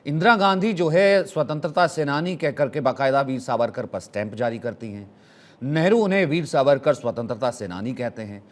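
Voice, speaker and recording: A man's voice: medium pitch, normal speed. A man anchoring a TV news debate, firm and cutting in to keep order.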